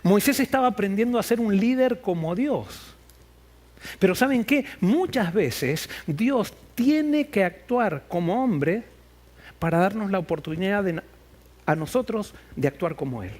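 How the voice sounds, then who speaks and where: A man's voice: high voice, animated, a little slow, darkish tone. A man preaching a sermon as pastor, firing off rhetorical questions and acting out the voices he quotes. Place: church.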